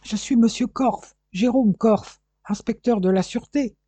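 A man's voice: fairly high pitch, moderate pace, mellow, dry recording, close to an everyday voice. A man doing an indignant, furious police inspector. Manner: indignant, sputtering with anger.

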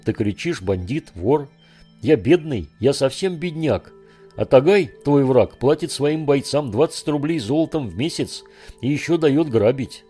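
A man's voice: medium pitch, dark tone, breathy edge, voice pushed up. A man reading a storybook voicing a greedy, sly grown bandit who pleads and talks back insolently.

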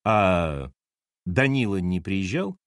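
A man reading as a soft-spoken, cautious man. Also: expressive, slow, dry recording, studio quality, heavily acted. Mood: careful. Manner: soft, careful, low murmur. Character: cautious young man, gently questioning.

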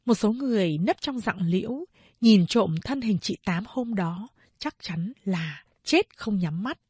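A woman narrating a novel in a measured, expressive storytelling voice. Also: mid-range voice, breathy edge, no room sound. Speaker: audiobook narrator.

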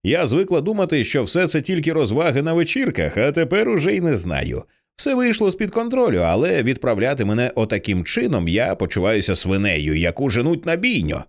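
A man's voice: medium pitch, wildly swooping pitch, brisk, hardly any pauses. A man voicing an edgy teenage girl in an audiobook reading, blunt and sarcastic, swearing casually. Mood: wry, anxious.

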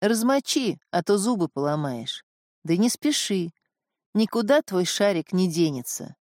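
A woman's voice: mid-range voice, sing-song, unhurried, darkish tone, dry recording, clean studio sound. A woman voicing a scolding, fussing middle-aged mother in an audiobook.

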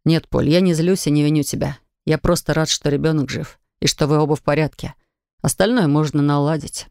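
A wounded husband with a lowered, gentle voice that coaxes and aches, as a woman puts him on in an audiobook. The voice sits low and dark, recorded dry and close. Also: fairly even intonation, a little fast, clean tone, no room sound. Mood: pained. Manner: soft, coaxing and pained. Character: troubled husband, an investigator, gentle but wounded.

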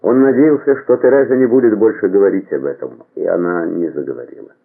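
Low husky male audiobook narrator. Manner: measured, expressive reading. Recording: tinny phone-like band.

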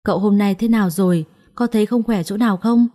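A woman voicing an anxious, devoted young wife in a storybook reading, speaking softly and politely. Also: medium pitch, fast talker, lightly acted. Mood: worried, caring. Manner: soft, pleading, polite.

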